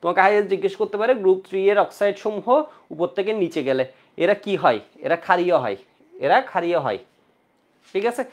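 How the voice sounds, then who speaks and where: A man's voice: high voice, quick pace. A man teaching an online chemistry lecture for exam prep, repeating key points again and again to drill his students.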